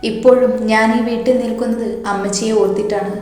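A woman's voice: fairly high pitch, steady tone, fairly quick, close to an everyday voice. A woman voicing a hurt young woman who speaks earnestly and pleads. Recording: echoey hall with soft music.

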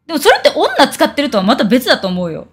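A woman's voice: high-pitched, wildly swooping pitch, quick pace, a bit bright. A young woman, ranting bluntly and heatedly on a casual livestream. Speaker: streamer.

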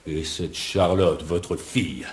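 A wheezy lecherous old-school cop. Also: male voice, deep voice, fairly even intonation, slow pace. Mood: gloating. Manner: gloating, theatrical, bursts of mocking laughter. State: coughing asthma fits. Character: wheezy lecherous middle-aged male police commissioner.

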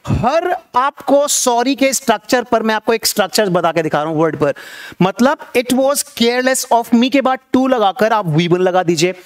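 An Indian man teaching an English class live, explaining in Hindi and saying the English phrases slowly and more than once. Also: very high voice. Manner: coaxing, asks viewers to read along.

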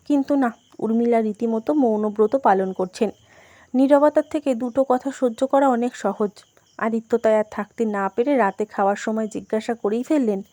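A woman narrating a family drama and reading all of its characters in one steady storytelling voice. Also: fairly high pitch, dry recording. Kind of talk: scripted narration.

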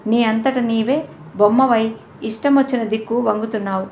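A frank young woman in a spoken storybook who talks to her friend plainly and firmly, lecturing without softening her words, as a woman reader voices her. Her voice sits fairly high. A faint hiss lies under it. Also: fairly even intonation, moderate pace, close to an everyday voice. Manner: blunt, lecturing.

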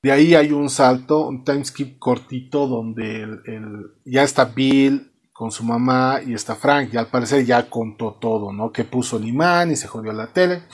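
A young man from Bolivia casually retelling a cartoon episode, animated and laughing as he acts out the characters. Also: medium pitch, normal speed. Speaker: host reviewing a cartoon series.

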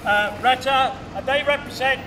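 A man's voice: very high-pitched, moderate pace. A man acting as master of ceremonies, announcing contestants outdoors in a projected, proclaiming voice. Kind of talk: public announcing at an outdoor event. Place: outdoor town square. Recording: distant outdoor recording with loud street noise.

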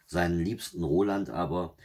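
A man with a husky voice reading a fairy tale aloud in a steady, measured way. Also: low-pitched. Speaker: storyteller.

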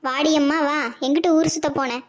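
A woman's voice: sits high, fairly even intonation, brisk, lightly acted. A woman doing a bossy old village granny. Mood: scolding. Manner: scolding, bossy, nagging. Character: scolding old village grandmother. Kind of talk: cartoon voice acting.

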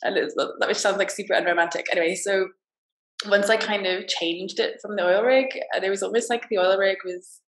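A woman, a guest novelist talking casually about her book on a video call, slightly croaky from a cold, with lots of fillers and restarts. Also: mid-range voice, fairly even intonation, fairly quick. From Wales. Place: small plain room indoors. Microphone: laptop video call. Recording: roomy video call audio.

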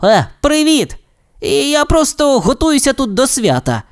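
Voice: high-pitched, sing-song, a little slow, voice pushed up, heavily acted. Narrator putting on Steve, a chirpy blocky hero. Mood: sheepish. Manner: eager, exclaiming. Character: cheerful young blocky game hero man.

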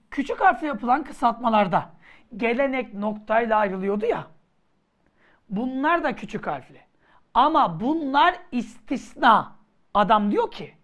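Woman teacher doing exam grammar, high voice swinging around, mock scolding, bursts of shouting. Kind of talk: exam-prep grammar lesson.

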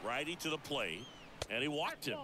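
A play-by-play caller for a baseball video game. His voice sits a little high and swings widely as he calls pitches and hits. Noise runs under the game audio. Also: sing-song, moderate pace. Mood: calling plays. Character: male TV baseball play-by-play announcer, energetic.

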